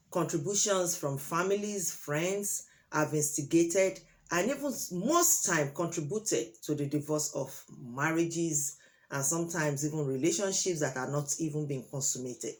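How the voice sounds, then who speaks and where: In an expressive, low-pitched voice, a Nigerian vlogger whose first language is Yoruba speaks her mind in a monologue to camera. Her delivery is deliberate, peppered with fillers and pauses, and turns emphatic at key moments.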